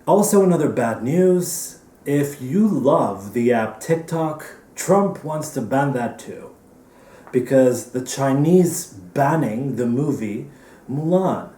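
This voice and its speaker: A man hosting a virtual awards ceremony from home, delivering a dry, deadpan comedic monologue. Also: mid-range voice, slow, echoey room, far from the mic. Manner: dry, deadpan topical jokes. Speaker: festival director hosting an awards show.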